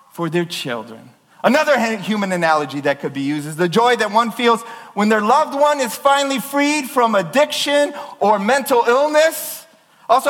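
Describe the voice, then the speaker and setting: In a large church where a long reverb trails each phrase, a pastor gives a sermon full of fervent emphasis. His fairly high voice climbs and drops in broad swings, and he hammers key words to the point of almost shouting.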